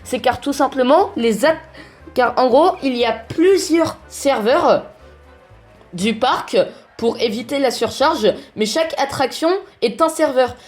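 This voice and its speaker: A woman talks through her game session in a relaxed, chatty way, pausing often to search for words. Her voice sits a little high, and soft game music plays faintly behind her. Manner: chatty, hesitant, many fillers. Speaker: gameplay commentator. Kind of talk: casual gameplay commentary.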